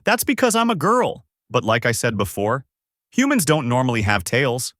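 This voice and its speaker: A man voicing a bossy, excitable young woman in a fan-made story, talking in a raised, snappy, impatient voice. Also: mid-range voice, moderate pace, dry recording, studio quality, natural voice. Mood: excited.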